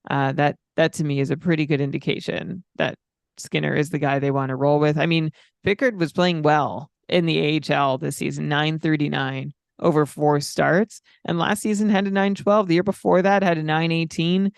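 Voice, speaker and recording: A man with a slightly high, gravelly voice, talking through numbers in a measured, filler-laden podcast chat. The recording is dry and close. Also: fairly even intonation, no room sound. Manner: stat-heavy, measured, frequent fillers. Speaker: podcast co-host.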